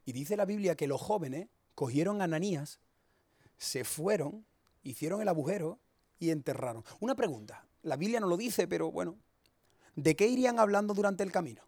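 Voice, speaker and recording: A man preaching, with a high voice. He is fiery and emphatic, and swings from loud warnings of judgement into quick, humorous storytelling. The sound is close and dry. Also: lively intonation, no echo. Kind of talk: sermon.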